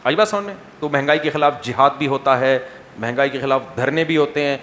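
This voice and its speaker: A man with a Pakistani Urdu accent answering audience questions in a lively, teasing manner full of rhetorical questions. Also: mid-range voice, a little hiss or hum. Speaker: Islamic scholar answering questions.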